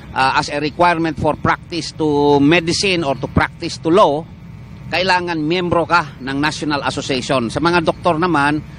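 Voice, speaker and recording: A man with a Filipino accent, a doctor guest on a morning TV show, explaining in a measured way with many "ah" fillers. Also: mid-range voice, fairly bright tone, slight background noise. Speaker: doctor of a medical association, guest. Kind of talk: morning TV interview.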